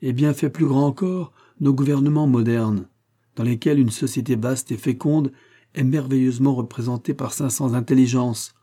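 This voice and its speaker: A man's voice: mid-range voice, steady tone, normal speed, warm tone, voice pushed up, close to an everyday voice. A man reading the part of a feverish, eloquent young man in an audiobook, declaiming a long speech.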